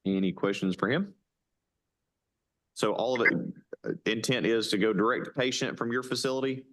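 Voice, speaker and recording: A man chairing a board meeting, briskly calling up applicants and asking for questions. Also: mid-range voice, fairly bright tone. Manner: brisk, calls names and asks for questions.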